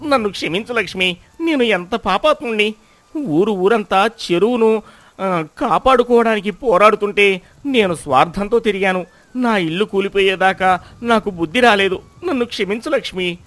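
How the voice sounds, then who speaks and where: A man's voice: high voice, normal speed, fairly bright tone, no room sound. A man voicing a lazy young village husband who pleads and blames himself. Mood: remorseful. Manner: pleading, self-reproaching.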